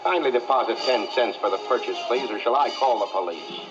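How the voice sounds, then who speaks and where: An actor in an old TV clip voicing a prim payphone operator on a payphone call, officious in manner. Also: male voice, mid-range voice, a little fast. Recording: dull, distant old TV audio with music.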